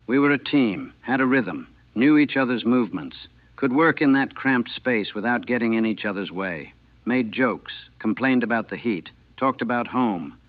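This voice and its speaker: A man's voice: lowish voice, no room sound. Man's voice on a tinny old 1940s recording. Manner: terse, clipped sentence fragments, measured and grave. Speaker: former navy ship's cook. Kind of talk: personal war memoir told in first person.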